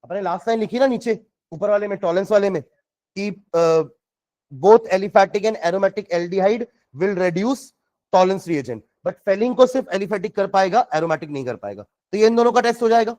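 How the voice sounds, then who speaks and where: A man teaching chemistry, dictating notes slowly word by word and asking students rhetorical questions, mixing Hindi and English. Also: sits high, darkish tone. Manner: mixes Hindi and English freely. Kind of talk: classroom lecture with dictation.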